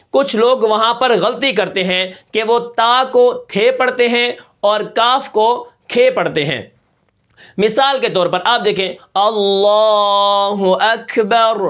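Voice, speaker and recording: A man with a Pakistani Urdu accent teaches tajweed in a raised, fairly high voice. He is patient and methodical, checking in often and repeating each sound slowly. The recording sounds slightly muffled and lo-fi. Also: a bit bright. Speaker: Quran recitation teacher. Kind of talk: tajweed lesson with recited examples.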